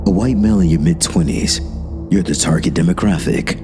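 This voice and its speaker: A man playing a smug, deep-voiced devil. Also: brisk, creaky, exaggerated voice. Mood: smug lecturing. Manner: monotone, lecturing. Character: smug, deliberate male devil in a suit. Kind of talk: horror story narration. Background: music.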